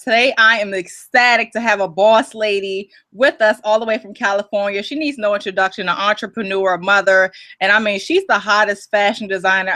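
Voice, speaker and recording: A woman's voice: mid-range voice, no room sound. Enthusiastic woman interview host. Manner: enthusiastic, energetic.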